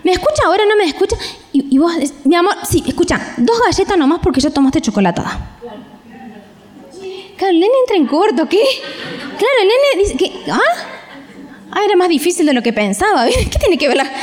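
A high-voiced woman with a Rioplatense accent preaches to a congregation, talking to them directly and acting out parents' voices. Her voice rings out with a long hall reverb, as in a large church. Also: brisk, pauses often. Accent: Rioplatense Spanish. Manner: animated, conversational, acts out parents' voices. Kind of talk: sermon.

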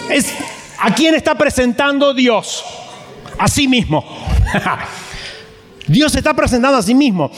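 A man's voice: sits high, big-room sound. A man preaching a sermon, asking emphatic rhetorical questions and reading scripture aloud.

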